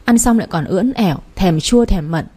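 Mellow-voiced woman reading a story. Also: medium pitch, lively intonation, fairly quick, husky. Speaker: narrator. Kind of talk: first-person storybook narration.

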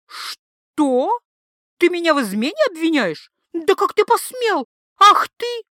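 A woman's voice: very animated, moderate pace, fairly bright tone, no echo, studio quality, full character voice. A woman voicing an indignant young wife who screeches back at her jealous husband. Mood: furious. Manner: shrill, indignant, high-pitched. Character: shrill, furious young wife.

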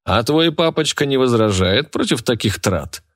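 A man's voice: medium pitch, lively intonation, dry recording, studio quality, pitched above the performer's own voice, natural voice. A man voicing a smug, greedy male auctioneer who draws out his announcements. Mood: gloating. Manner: drawn-out, gloating announcing.

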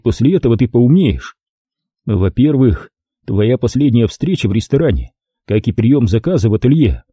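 A man doing a gruff, mocking detective in an audiobook, low and unhurried, with cool menace in every word. The voice is dark and husky, recorded close and dry. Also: no room sound. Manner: slow, menacing, sarcastic. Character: gruff tough male ex-investigator detective, mocking.

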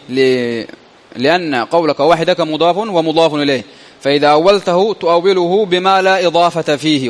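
A man's voice: on the high side, in a large hall. A man teaching a classical grammar lesson, often repeating key phrases and answering his own questions. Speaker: teacher explaining Arabic grammar.

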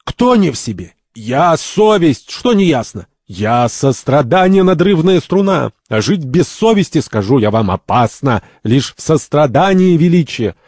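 A man's voice: lowish voice, very animated, moderate pace, hardly any pauses, warm tone, dry recording. A man voicing a prim, self-righteous young man who embodies conscience, in a stage-play reading. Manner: preachy, prim.

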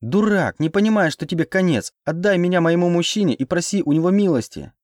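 A man voicing a desperate, defiant young woman heroine who shouts back at her captors. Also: mid-range voice, moderate pace, no room sound, studio quality, close to an everyday voice.

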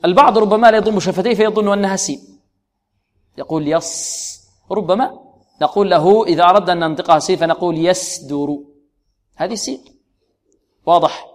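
A man teaching Quran recitation, slowly drilling pronunciation syllable by syllable and quizzing his students. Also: high voice. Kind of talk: tajweed lesson. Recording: long reverb, echoey hall.

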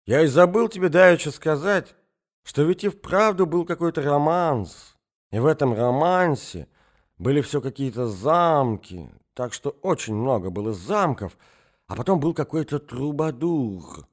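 A man reading an audiobook, voicing a muddled, forgetful old prince who rambles and brightens easily. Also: on the high side, expressive, unhurried, voice pushed up.

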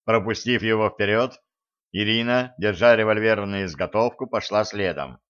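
A man narrating an audiobook in a measured, even reading. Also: lowish voice, dull audio.

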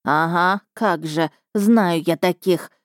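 A woman's voice: on the low side, slow, dry recording, studio quality. A woman doing a sulky male house spirit. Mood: suspicious. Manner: sulky, wailing, sniffling. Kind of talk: audiobook character voice.

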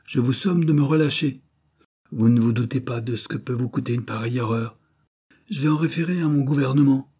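A man reading an audiobook, voicing a haughty male villain who shouts indignant protests. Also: medium pitch, unhurried, slightly rough.

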